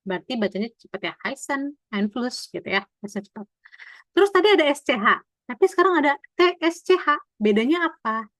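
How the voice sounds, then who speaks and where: A woman teaching German pronunciation in an online class, explaining patiently and often checking in with "gitu ya" as she slowly models each sound. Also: fairly high pitch, a bit bright, dry recording.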